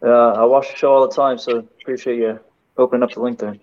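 A man's voice: medium pitch, steady tone, fast talker, a little mellow, highs cut off. A man in his mid-twenties from Texas, a college coach, chatting easily as a caller on a phone video call. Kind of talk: casual chat.

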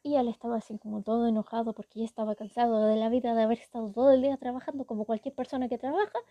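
A woman's voice: on the high side, little pitch movement, rapid-fire, no room sound, muffled recording. A woman with a Chilean accent casually recapping a story, chatty and wry with indignant asides. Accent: Chilean Spanish.

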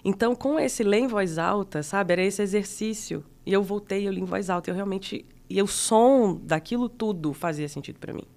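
A woman from Minas Gerais with a Minas Gerais accent, a guest artist telling stories in a reflective, casual interview with many pauses. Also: medium pitch, darkish tone. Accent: Minas Gerais Brazilian Portuguese. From Minas Gerais, Brazil.

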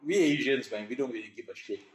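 A man's voice: mid-range voice, fast. Malaysian man telling stories in an echoey room. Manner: storytelling, laid-back, swears casually. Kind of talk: casual chat.

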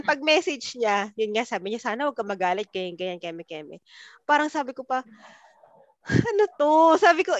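A woman's voice: high-pitched, fairly bright tone, no echo. A woman, co-hosting a podcast and telling a personal story in a casual chat with friends. She is dramatic and acts out the messages she quotes. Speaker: podcast co-host.

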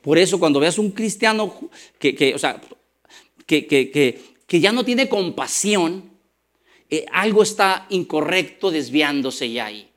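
A man with a Mexican accent, a pastor preaching a conversational sermon with slang and quick restarts. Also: high voice, fairly bright tone.

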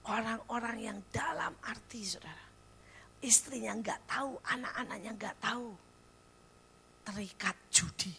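A woman evangelist with an Indonesian accent preaching a blunt church sermon, dropping to hushed near-whispers and then rising to loud exclaims. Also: on the high side, unhurried, slight background noise. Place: church service.

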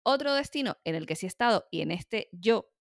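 A woman from Spain, talking through a casual podcast monologue in a relaxed, rambling way. She fills her speech with little hesitations and restarts. The recording is close and dry, with no room sound. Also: medium pitch, fairly quick, vocal fry, no room sound. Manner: chatty, many fillers and self-corrections. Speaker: podcast host.

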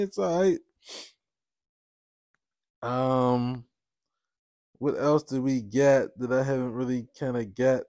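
A man's voice: fairly high pitch, darkish tone, dry recording, clean studio sound. A man hosting his own podcast in a loose, rambling way, often tagging on "you know what I mean". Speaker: podcast host. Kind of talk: casual solo podcast talk.

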